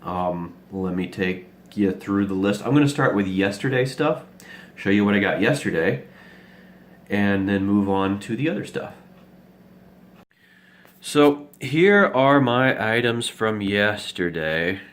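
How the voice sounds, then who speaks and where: A man talks slowly in a lowish, animated voice as he digs in a muddy field, casually narrating his metal detecting finds for a vlog and thinking aloud. A little hiss or hum can be heard.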